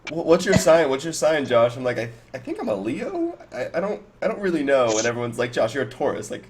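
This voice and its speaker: A fast-talking man of twenty with a sing-song, mid-range voice hangs out with viewers on a live stream, speaking through a video call headset from a small room at home, with background noise. The cannabis streamer rambles and laughs, with lots of restarts.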